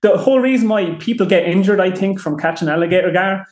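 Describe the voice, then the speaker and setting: A man with an Irish accent, a podcast guest telling fishing stories in a rambling, animated way with many fillers. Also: high voice, fast talker, echoey room, a crowd in the background. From Ireland. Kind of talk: casual chat.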